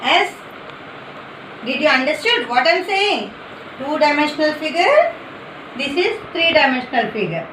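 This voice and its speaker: Woman, school teacher, slow repeated instructions, echoey room. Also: high-pitched, sing-song, slight background noise. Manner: simple repeated instructions, nonstandard grammar. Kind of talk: online class lesson.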